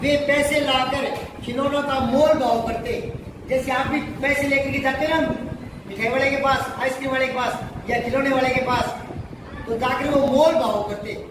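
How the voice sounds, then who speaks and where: Man, teacher, very high voice, keeps checking the class understands, booming room, distant mic. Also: steady tone, normal speed. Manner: questioning, keeps checking pupils follow. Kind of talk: classroom lesson on a Hindi story. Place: classroom with a board. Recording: echoey room, far from mic, background noise.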